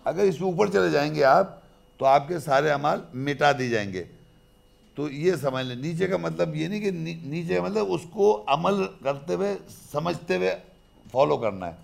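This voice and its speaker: A man giving a religious lecture on the Quran, explaining at length, mixing in English terms and reciting verses slowly. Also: fairly high pitch, animated, gravelly.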